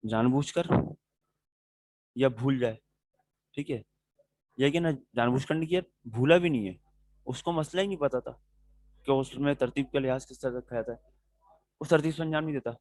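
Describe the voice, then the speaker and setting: A male teacher leads a class on religious rulings at a patient, methodical pace, pausing to check that his students follow. His voice sits at an ordinary pitch. It is recorded dry and close, with no room echo. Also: darkish tone. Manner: patient, explains step by step, checks in with "okay"; answers students' questions directly.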